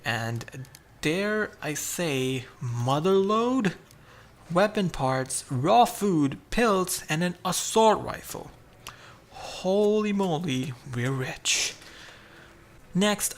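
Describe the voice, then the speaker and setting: A man's voice: on the high side, fairly bright tone. A man narrating his own survival game playthrough, chatty and explaining each move as he goes. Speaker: gameplay narrator.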